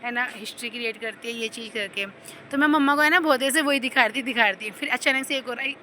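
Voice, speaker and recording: A woman's voice: fairly high pitch, fast talker, slight background noise. A young woman chatting casually in her vlog, rambling through funny personal stories with a slight cough. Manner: rambling, animated, laughs while telling stories. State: slight cough and sore throat. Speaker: vlogger.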